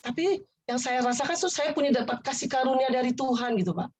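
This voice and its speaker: A woman with a high-pitched, husky, darkish voice talks fast as she shares her personal testimony, heard on a rough recording. She's earnest and conversational but rambles, repeating herself, restarting often and addressing her listener politely.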